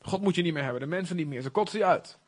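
A man's voice: on the high side, very fast, close to an everyday voice. A preacher playing the devil as a pushy male accuser. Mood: urging. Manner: pushy, urging.

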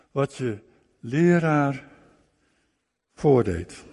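A man's voice: high voice, darkish tone. A man preaching a sermon, emphatic, repeating words and phrases for stress. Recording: long reverb of a hall.

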